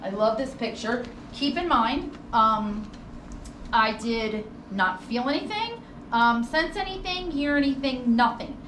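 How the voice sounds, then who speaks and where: A woman's voice: fairly high pitch, expressive, a little slow, a bit bright. Woman tour guide telling stories, roomy distant recording. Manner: conversational, acts out quoted dialogue. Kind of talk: casual storytelling on a ghost tour. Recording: roomy, distant mic with noticeable background noise.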